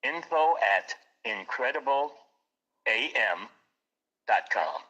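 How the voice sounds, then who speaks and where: A man's voice: medium pitch, lively intonation, takes it slowly, bright, forceful tone, breathy edge, dull audio. A man who runs an art gallery, talking earnestly in a casual interview and often repeating his words. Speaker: art gallery owner, guest.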